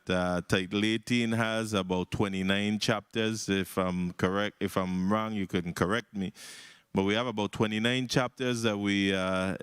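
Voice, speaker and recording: A man's voice: fairly low pitch, fairly bright tone, smooth, no echo, studio quality. A man with a Virgin Islands accent, speaking as a senator at a legislative hearing in an informal, jovial, conversational way. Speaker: senator questioning at a budget hearing. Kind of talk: semi-formal remarks at a legislative hearing.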